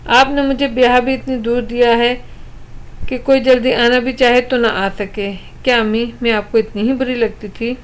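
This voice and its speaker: Sad, weary young bride , read by a woman narrator, soft and quiet, higher voice, storybook reading. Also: level tone, natural voice, poor audio. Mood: subdued.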